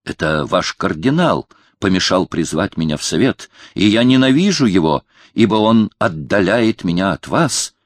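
A man reading aloud plays a proud, hot-tempered young courtier in a storybook tale. He speaks low and close to the narrator's own voice, with impassioned defiance. The recording is dry. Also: expressive, normal speed, few pauses, no echo. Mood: heated.

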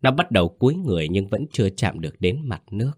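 Man, horror story narrator, deep voice, dry close sound, calm, measured. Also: slightly rough, no room sound.

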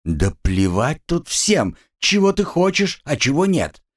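A man's voice: fairly high pitch, very animated, a little slow, voice pushed up. A man doing a purring sadistic woman. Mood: snapping. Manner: purring, mocking, coldly soothing. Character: sadistic adult woman captor, purring, mocking.

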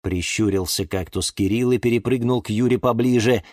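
A man narrating a children's audiobook in an expressive storytelling manner. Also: fairly low pitch, brisk, no room sound, studio quality.

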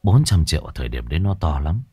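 A man narrating a ghost story in a dramatic, expressive storytelling manner. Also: extremely low pitch, fast, slightly rough.

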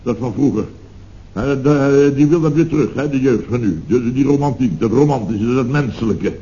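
An actor playing a rambling, nostalgic middle-aged building contractor in a 1960s radio comedy, hesitant and full of tag questions. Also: male voice, mid-range voice, moderate pace, warm tone, natural voice. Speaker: contractor boss. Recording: dull old radio recording with faint hiss.

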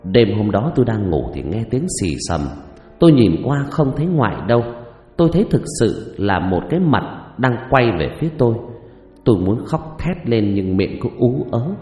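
Animated man telling a ghost story. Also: mid-range voice, normal speed. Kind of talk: dramatic ghost story narration. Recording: roomy reverb with background music.

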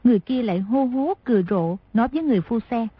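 A woman narrates an audiobook in a steady storytelling manner. Her voice is breathy and somewhat high. The recording is dry and slightly dull. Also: very fast.

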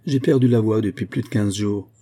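A man voicing a frail young woman singer who is sorrowful and quietly resigned, in a soft, subdued, weary audiobook delivery. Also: fairly low pitch, a little fast, natural voice. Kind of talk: audiobook character voice.

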